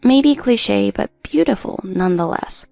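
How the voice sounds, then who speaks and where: A woman reading a first-person drama story as a narrator in a steady storytelling delivery. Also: medium pitch, normal speed, creaky, no echo, soft background music.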